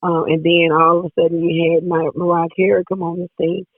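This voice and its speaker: A woman singer with a hoarse, raspy voice, chatting casually as an interview guest and laughing often. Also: on the low side, level tone, fairly quick, no echo. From Jackson, Tennessee area, US South. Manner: laughs often, repeats herself. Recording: dry phone-like line.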